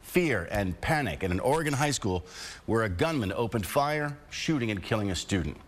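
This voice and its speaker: A man's voice: lowish voice, expressive, moderate pace. An American man reading scripted television news as an anchor.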